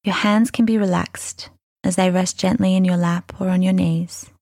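A woman leading a guided mindfulness meditation, speaking softly and soothingly, unhurried and gentle, with breathy phrase endings. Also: lowish voice, steady tone, no room sound, clean studio sound. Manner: soothing, unhurried, gentle instruction with long pauses.

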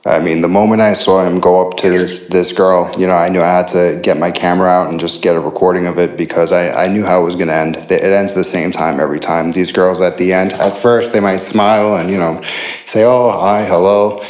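Man through a deep voice disguiser. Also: level tone, a little fast, a little mellow, echoey room, rough recording. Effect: voice disguise filter making the voice deep. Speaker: caller, anonymous insider source. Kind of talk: casual call-in account. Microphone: online audio call.

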